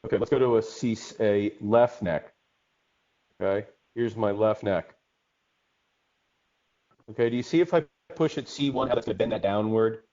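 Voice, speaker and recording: A man's voice: fairly low pitch, normal speed, long pauses, dark tone. A man teaching an online webinar in a conversational way, often checking in with "okay?". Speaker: instructor. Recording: dull lo-fi webinar audio.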